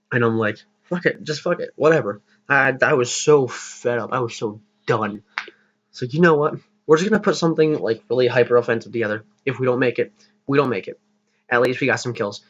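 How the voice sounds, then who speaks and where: A young man casually talking through his team plans for a league battle, rambling and poking fun at himself. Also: medium pitch. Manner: rambling, self-deprecating, laughs at himself. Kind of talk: casual gaming commentary. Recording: slightly dull lo-fi mic.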